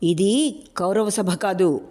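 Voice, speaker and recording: A woman's voice: lowish voice, animated, normal speed, a little mellow, natural voice. A woman voicing a fierce, angry young man who roars his lines at a village council meeting. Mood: defiant. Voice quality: fierce, roaring delivery.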